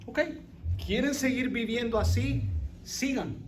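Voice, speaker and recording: A man leading an interactive sermon as pastor, animated, quizzing his listeners and dropping English phrases. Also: very high voice, a little slow, reverberant, recorded from a distance, slight background noise. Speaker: pastor leading a Bible study.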